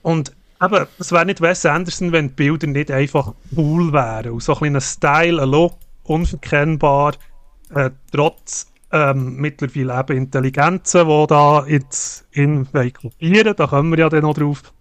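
A man talks films in a casual podcast chat, stopping and restarting often. His voice sits a little high, and the recording is dry and close. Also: steady tone, dry recording. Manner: halting, many fillers and restarts. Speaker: podcast co-host. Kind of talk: casual film review chat.

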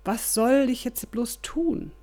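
A woman's voice: a little high, takes it slowly, warm tone, voice pushed up. A woman voicing a pious, troubled man who pleads and complains about his cramped home. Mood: pleading, complaining.

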